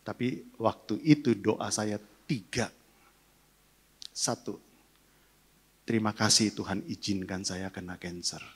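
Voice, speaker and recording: A man's voice: sits low, breathy edge. An older male pastor preaching a sermon, sharing an emotional personal testimony and leading a congregation in prayer.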